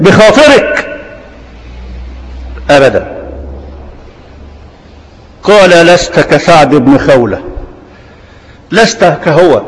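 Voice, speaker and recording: A man with an Egyptian accent preaching a religious sermon with passion, repeating himself and asking rhetorical questions. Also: high-pitched. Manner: impassioned, repetitive rhetorical questions. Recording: long hall reverb.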